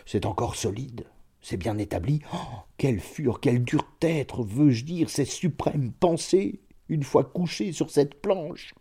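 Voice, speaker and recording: A man's voice: mid-range voice, lively intonation, a little slow, dark tone, husky, pitched above the performer's own voice. A man voicing a sentimental middle-aged bourgeois, a former mayor, speaking in an emotional, sobbing way in a storybook reading. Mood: musing.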